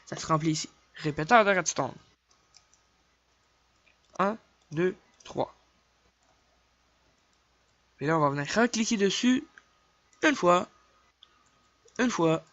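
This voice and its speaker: A young man with a Québécois French accent, chatting casually through a game tutorial, counting his clicks aloud and apologizing quickly for slips. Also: sits high, expressive, a bit bright. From Quebec. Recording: dull lo-fi dry home mic.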